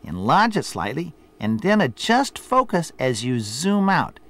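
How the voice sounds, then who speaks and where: Against a noisy background, an actor voices a bossy boss character in a promo video, a middle-aged man who boasts, teases and gives his apprentice orders in scripted lines. His slightly high voice is sing-song and a little slow.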